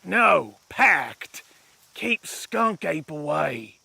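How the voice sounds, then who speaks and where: An actor playing a simple, fearful backwoods homesteader who talks in a slow, halting rural drawl with a raspy voice. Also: male voice, fairly high pitch, very animated, sharp tone, dry recording, full character voice. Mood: wary. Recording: film soundtrack with faint music.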